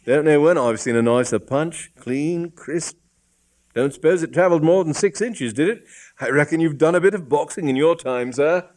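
A man's voice: fairly high pitch, moderate pace, darkish tone, pitched above the performer's own voice, lightly acted. A man voicing a chummy working-class male police constable who talks in slangy, ungrammatical speech. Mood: chuckling.

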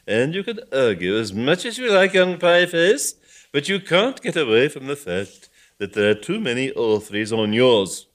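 A man voicing a pompous elderly bishop who is jovial one moment and thunders the next, with a booming, organ-like voice. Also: fairly bright tone. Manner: booming, organ-like and mock-solemn.

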